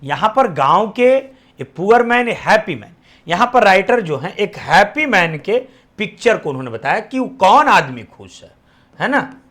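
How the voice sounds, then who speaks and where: Animated Bihari man quizzing his students. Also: high-pitched. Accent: Bihari Hindi. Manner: quizzing, repeats answers as questions; drops to near-whisper on answers. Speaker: teacher. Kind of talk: exam-prep lesson.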